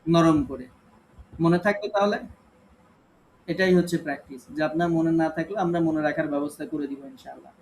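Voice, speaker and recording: High-voiced patient male recitation teacher. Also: brisk, long pauses, slight background noise. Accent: Bangladeshi Bengali. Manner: patient, corrective, prompting students to read. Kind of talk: online class, calling on students.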